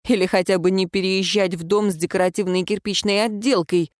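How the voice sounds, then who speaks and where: A woman reading a first-person story aloud in an even, reflective narration. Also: mid-range voice, fairly quick, no echo, studio quality. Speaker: audiobook narrator.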